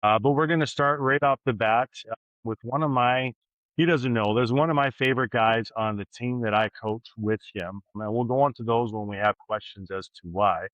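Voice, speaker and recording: A man hosting a podcast, opening the episode in a friendly, halting way with repeated words. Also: mid-range voice, a bit bright, dry recording. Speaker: podcast host. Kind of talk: casual podcast intro. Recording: dull dry lo-fi sound.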